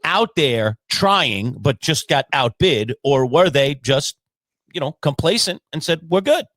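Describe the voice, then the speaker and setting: A man with a lively, swooping voice co-hosts a casual sports podcast. He asks his guest teasing, playful questions, and the sound is dry and close. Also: medium pitch, a little slow, no echo. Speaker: podcast co-host.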